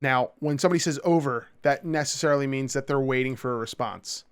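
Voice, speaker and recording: A man's voice: mid-range voice, fast talker, clean tone. A man hosting a casual gameplay tutorial, explaining radio calls and teamwork in a loose, chatty way, often checking in with "okay?" and acting out sample calls. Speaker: gaming tutorial host. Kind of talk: casual instructional commentary over gameplay.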